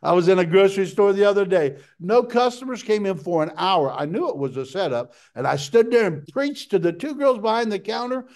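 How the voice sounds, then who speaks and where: A middle-aged man preaching a sermon with passion, his voice jumping up high for emphasis. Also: animated, brisk, few pauses, a little mellow. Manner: impassioned preaching, jumps to a high pitch for emphasis.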